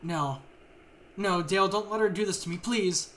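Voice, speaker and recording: Brief: man doing a scared, furious woman test subject, sharp and pleading, slightly high, faint hiss behind. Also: normal speed, natural voice. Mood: frightened. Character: frightened, angry captive woman, later a bitter assistant.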